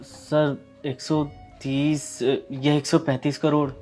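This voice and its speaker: A man with a slightly raised pitch plays a shopkeeper and then a husband in a short social-message skit. He sounds by turns dismissive and pleading, with soft music underneath. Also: level tone, slow. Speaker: chemist, later patient's husband.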